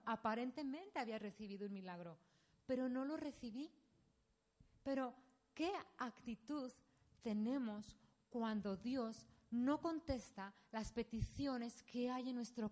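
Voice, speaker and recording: A woman in her thirties telling a painful personal story as a sermon testimony, halting and emotional with many restarts. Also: fairly high pitch, a little mellow. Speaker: preacher sharing a testimony.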